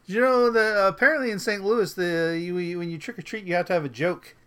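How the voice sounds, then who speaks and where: A man's voice: high voice, steady tone, fast talker, pushed and bright, clean tone. A man co-hosting a podcast in casual chat, rambling and hesitant with many fillers and restarts. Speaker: podcast co-host.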